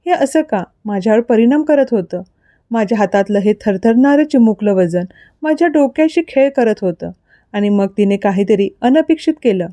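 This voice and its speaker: Woman storyteller, expressive narration, warm mellow voice, dry close recording. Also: a little high, no room sound. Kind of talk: scripted narration of an audio story.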